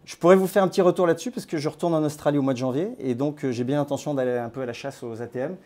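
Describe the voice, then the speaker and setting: A man giving an informal presentation to a meetup group, talking in a conversational, halting way with many hesitations and restarts. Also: on the high side, darkish tone. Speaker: crypto platform founder giving a talk. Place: based in Nouméa.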